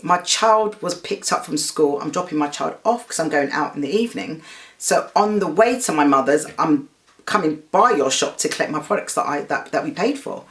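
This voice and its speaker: Woman host with a low voice, telling a story casually, acts out the quotes. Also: normal speed. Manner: animated retelling, acting out quotes. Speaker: show host.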